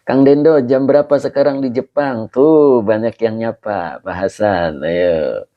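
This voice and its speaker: A middle-aged man, an Islamic preacher casually chatting through viewer comments on a livestream with chuckles and drawn-out exclamations. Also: on the low side. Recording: slightly dull lo-fi livestream audio.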